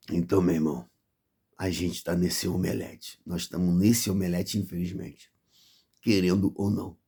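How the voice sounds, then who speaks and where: Low husky Brazilian preacher. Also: male voice, dark tone. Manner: fervent, warning, piles up repeated phrases. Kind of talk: sermon.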